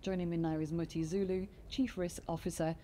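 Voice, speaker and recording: A woman hosting a conference interview, introducing her guest and asking brisk, polished questions. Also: on the low side, little pitch movement, mellow, slight background noise. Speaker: interviewer, host. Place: conference venue.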